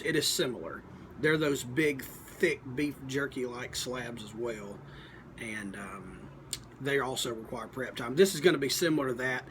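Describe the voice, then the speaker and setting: Halting man reviewing casually, steady background noise. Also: mid-range voice. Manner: halting, thinking aloud. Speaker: pipe tobacco reviewer. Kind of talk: casual product review, unscripted talk.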